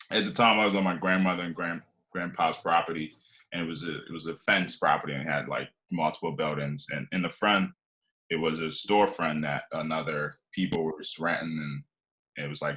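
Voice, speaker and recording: This man's voice is extremely low-pitched yet pushed and bright. Originally from Liberia and in his twenties, he casually narrates his life story as a podcast guest, rambling with plenty of fillers and restarts.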